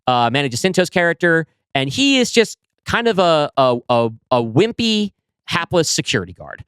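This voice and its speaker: On a podcast, a male co-host walks his partner through his own screenplay, reading scenes aloud like an animated storyteller and using lots of fillers. His voice is fairly high and smooth at a moderate pace, recorded at studio quality without echo.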